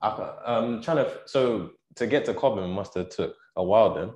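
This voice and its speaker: A man with a fairly low voice hosts a casual podcast conversation. He sounds laid-back and uses plenty of everyday slang. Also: moderate pace, a little mellow. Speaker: podcast host, former academy footballer. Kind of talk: casual interview chat.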